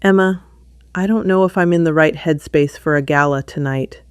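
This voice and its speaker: A woman's voice: low voice, moderate pace, clean tone, no room sound, studio quality, natural voice. A woman voicing a tense, evasive husband who mutters and gives in reluctantly.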